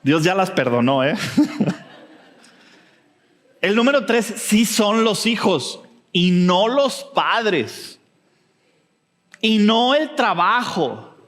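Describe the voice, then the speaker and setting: A Mexican woman preaches at an unhurried pace, earnest yet lightly humorous, often checking in with her listeners. Her voice carries a long reverb from the hall. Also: medium pitch, very animated. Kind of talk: sermon.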